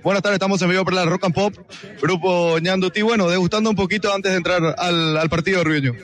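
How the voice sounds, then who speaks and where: A man's voice: sits high, steady tone, fairly bright tone. A man, a radio field reporter describing the scene outside a stadium live. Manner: brisk, on-the-spot description.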